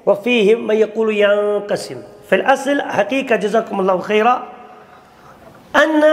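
High, gravelly man teaching. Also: a little mellow. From Kashmir. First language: Kashmiri. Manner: checks on students by name, halting restarts, slow drawn-out readings. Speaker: Arabic grammar teacher. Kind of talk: online classroom lecture.

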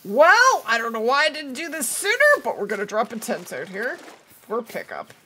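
With a slightly high, sing-song voice at normal speed, pushed and bright over a little hiss or hum, a woman in her thirties livestreams a game indoors. She's fighting a cold that's taking her voice, chatting casually to her audience and at the game.

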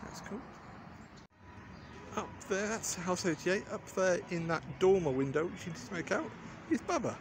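A man in his forties, a vlogger, rambles casually through a walk-around vlog outdoors in a garden, his manner wry, understated and chatty. His voice sits high and sounds animated at a normal speed, recorded on a handheld phone held at arm's length with noise in the background.

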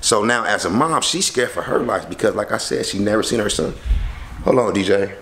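A young man telling a story casually to a handheld camera in and around his house, slangy and animated, acting out the people he quotes. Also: lowish voice, fairly quick, slight background noise. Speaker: vlogger. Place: house interior and front porch. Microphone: handheld camera close to face.

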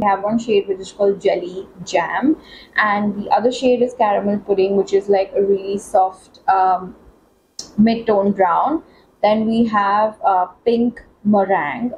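A woman talking through a makeup tutorial as a beauty vlogger, chatty and excitable, with many fillers. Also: mid-range voice, dull audio, background noise. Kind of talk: casual makeup tutorial chat.

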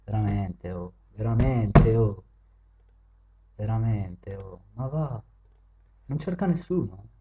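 A man chatting with viewers and strangers on random video chat, joking and teasing, switching from loud greetings to low mutters. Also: takes it slowly, long pauses, muffled recording, slight background noise.

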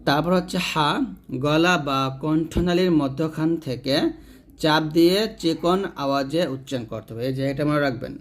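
Male Quran tutor, slightly high voice, patient step-by-step delivery, repeats each sound. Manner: slow, patient instruction, repeating each letter sound several times; asks questions and answers them himself. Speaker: Quran teacher. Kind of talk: step-by-step pronunciation lesson.

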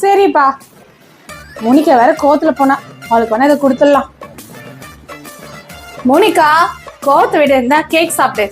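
A woman's voice: high voice, lively intonation, moderate pace, long pauses, soft background music. A woman playing a mother in a scripted family comedy skit, soothing her little son and scolding her daughter.

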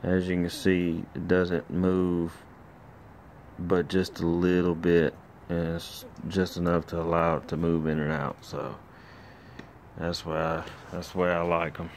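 Recording himself on a handheld phone camera, a middle-aged man narrates his engine rebuild at home, casual and rambling, with plenty of fillers. He speaks in a deep monotone at a measured pace over slight background noise.

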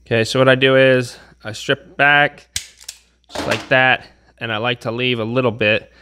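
Pushed and bright, his medium-pitched voice has fairly even intonation and normal speed, with slight background noise. He hosts a workshop repair tutorial, speaking casually while working by hand.

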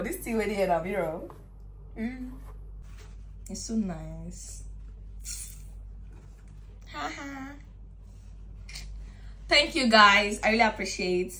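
A young Nigerian woman chatting excitably and emotionally in an unboxing vlog, dropping into pidgin slang. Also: medium pitch, a little hiss or hum. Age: young adult. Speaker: vlogger.

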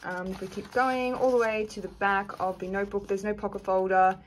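A woman's voice: mid-range voice, fairly even intonation, brisk, slight background noise. A woman giving a casual review with frank, chatty opinions that she often hedges. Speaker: planner reviewer.

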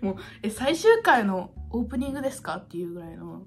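A woman in her twenties chats casually to camera in an expressive, gushing and self-deprecating way, as a YouTuber in a room at home. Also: medium pitch, quick pace, soft background music. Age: 20s. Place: small home room, indoors.

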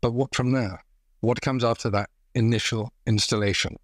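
A man in his thirties hosting a scripted tech explainer from a room at home, with a measured, dry-humored delivery. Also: mid-range voice, fairly even intonation, no echo. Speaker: tech reviewer host.

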